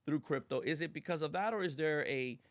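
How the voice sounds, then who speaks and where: A man's voice: fairly high pitch, brisk, no room sound. A man hosting an interview, asking questions with stammering restarts and casual asides. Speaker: interview host.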